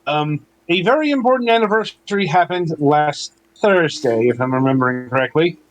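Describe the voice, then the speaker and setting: A man co-hosting a podcast, talking in a dry, measured way with wry asides. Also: a little high, expressive, lo-fi sound. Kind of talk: casual chat.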